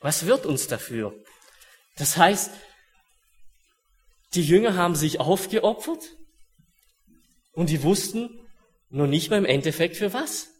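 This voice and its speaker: A man's voice: fairly high pitch, big pitch swings, takes it slowly, long pauses. Earnest man preaching a sermon. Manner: earnest, swings from hushed solemn to raised urgent.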